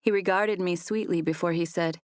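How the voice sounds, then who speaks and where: A woman narrating a first-person romance audiobook in a soft, even storytelling voice on a close mic. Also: on the low side, brisk, no echo.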